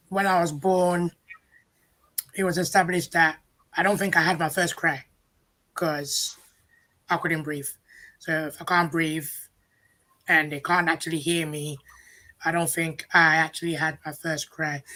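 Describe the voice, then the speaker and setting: A man, giving a personal account in a halting, deliberate way as an interview guest. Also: a little high, pushed and bright, poor audio. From England. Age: 30s. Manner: halting, deliberate, restarts words.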